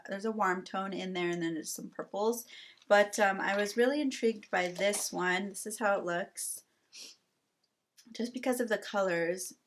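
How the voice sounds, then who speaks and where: A young adult woman chats casually through a beauty product haul for her channel. She talks in a relaxed, rambling way, often reaching for "um" and "like". Her voice sits at an ordinary middle pitch for a woman. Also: slight background noise. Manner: chatty, with many fillers like "um" and "like". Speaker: beauty vlogger.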